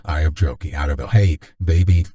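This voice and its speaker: A man hosting a casual stream, talking through a deep voice changer and joking as he rambles. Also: moderate pace, warm tone. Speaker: streamer host.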